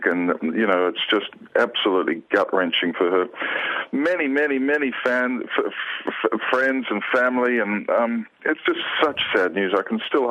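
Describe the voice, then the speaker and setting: Halting, emotional man from New Zealand. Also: medium pitch, sharp tone, dull audio. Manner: emotional, halting, many restarts. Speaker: guest. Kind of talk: phone interview on radio.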